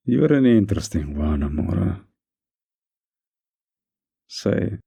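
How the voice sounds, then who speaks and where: A man performs a mafia boss in an intimate roleplay clip, heavily acted, with a low, dark, gravelly and husky voice. He's menacing yet kindly, taking an unhurried pace with light teasing and flirtation.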